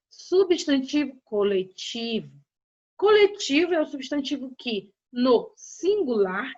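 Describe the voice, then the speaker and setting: A woman teacher with a Brazilian Portuguese accent, giving a grammar lesson and talking straight to her students in a slow, deliberate way. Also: fairly high pitch. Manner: slow, deliberate explanation addressing students directly. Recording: dull lo-fi audio.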